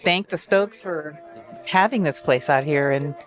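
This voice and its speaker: A woman's voice: sits low, measured pace, faint music behind. Woman from Cuba, hobby potter, sincere and heartfelt, interviewed outdoors. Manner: heartfelt, earnest, with small restarts. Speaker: amateur potter. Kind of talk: casual interview. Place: outdoors at a kiln festival.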